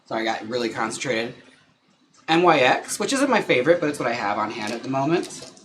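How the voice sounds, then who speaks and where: A man's voice: medium pitch, lively intonation, brisk. Sassy drag queen man, noisy room. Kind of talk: casual livestream chat while doing makeup. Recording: clearly noisy room ambience.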